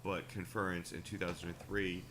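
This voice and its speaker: A man giving steady, scripted documentary narration about a fan community's history, played back from a video. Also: sits low, a little fast. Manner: steady, informative storytelling.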